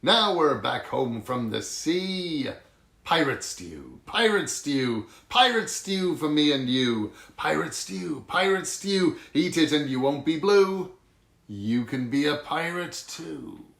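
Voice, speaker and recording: Man chanting as rowdy pirates, loud and echoey. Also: mid-range voice, animated, a little slow, vocal fry. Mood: joyful. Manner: loud, bouncy, declamatory. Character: rowdy, jolly band of storybook pirates chanting. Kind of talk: rhythmic storybook chant. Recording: roomy, echoing sound.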